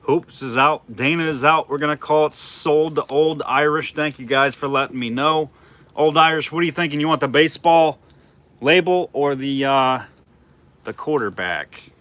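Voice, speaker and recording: Bright-voiced chatty auction host. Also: male voice, fairly high pitch, no room sound. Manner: chatty, rambling, quick bid calls. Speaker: livestream auctioneer. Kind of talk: casual live auction chat.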